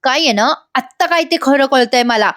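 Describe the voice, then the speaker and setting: A woman's voice: sits high, normal speed, fairly bright tone. Sachin, a woman voicing a sneering accusing husband. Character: angry scheming young husband, man.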